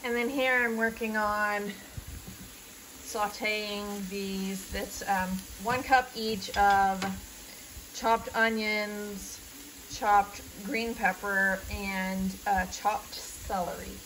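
A young woman talking casually through a recipe in her home kitchen, chatty and relaxed with a lot of fillers. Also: medium pitch, very slow, a little hiss or hum, poor audio. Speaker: home cook host. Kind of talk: casual cooking vlog narration.

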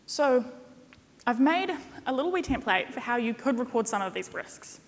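A woman's voice: on the high side, normal speed. A young woman giving a conference keynote as a consultant, conversational and jokey, speaking at a lectern on a stage. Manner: conversational and jokey, lively emphasis. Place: conference stage in a large hall. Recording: reverberant hall sound.

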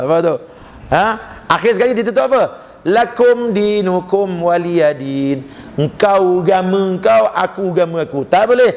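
A male preacher with a Malaysian Malay accent delivers an animated sermon, quizzing the congregation with questions and jokes. His fairly high voice carries a gravelly edge. It rings with long reverb in a prayer hall, with a faint hum underneath. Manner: animated, jokey storytelling lecturer. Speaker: religious preacher. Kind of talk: sermon with rhetorical questions to the audience.

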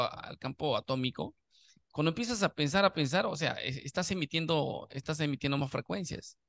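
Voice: medium pitch, creaky, a bit bright, no echo, clean studio sound. A host talking casually, often hesitating and restarting sentences. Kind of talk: casual conversation.

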